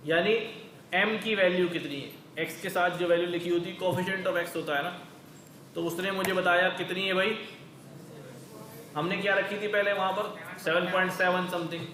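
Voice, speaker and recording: A man's voice: high voice, fairly even intonation, moderate pace, sharp tone, reverberant, slight background noise, poor audio. A male teacher leading a coding lecture in a casual, conversational way, asking questions and then answering them himself. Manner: conversational, calls listeners brother.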